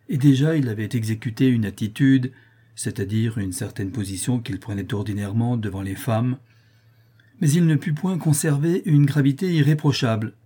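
A man reading a classic story aloud in an even, measured way. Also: medium pitch, slightly rough. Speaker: narrator.

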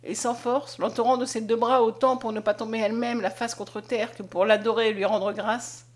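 A woman narrating a novel aloud, in a measured, expressive reading. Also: on the high side. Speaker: audiobook narrator.

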